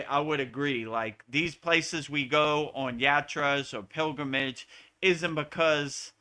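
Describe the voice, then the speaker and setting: A man's voice: medium pitch, bright, forceful tone, clear, resonant tone. An American man, a spiritual teacher, talking earnestly and repetitively in a live Q&A satsang.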